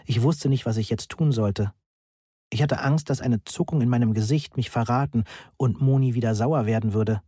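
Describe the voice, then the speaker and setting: A man reading a first-person story aloud in a measured, deadpan manner, close to the mic. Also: medium pitch, husky, no room sound. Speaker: audiobook narrator. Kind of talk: first-person scripted narration.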